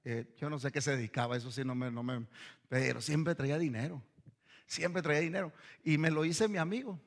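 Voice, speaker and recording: A man's voice: fairly high pitch, a little fast. A man preaching a fervent sermon, telling anecdotes and laughing now and then. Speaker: pastor.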